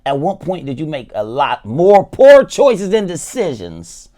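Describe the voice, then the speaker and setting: Male podcast host, high, lively voice, long rambling questions. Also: a little slow. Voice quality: animated, repetitive stammering. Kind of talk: interview questions.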